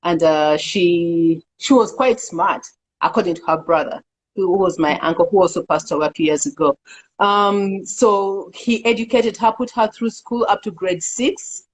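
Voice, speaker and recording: A middle-aged woman from Uganda, a guest in an interview, speaking earnestly and haltingly with many fillers. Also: fairly low pitch, low-quality recording. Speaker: executive director, interview guest. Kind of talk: casual interview talk.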